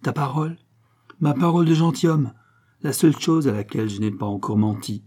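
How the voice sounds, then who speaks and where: Man voicing a broke young aristocrat, gloomy and proud, husky dark voice. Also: medium pitch, expressive, brisk, voice pushed up, lightly acted. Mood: sombre. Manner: sombre and resigned. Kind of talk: audiobook character reading.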